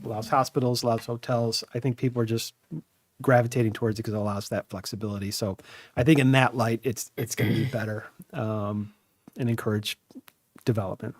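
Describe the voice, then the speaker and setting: A man on city staff calmly explaining a zoning change to a council, with many fillers. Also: medium pitch, fairly quick, no room sound. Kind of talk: explaining policy at a council meeting.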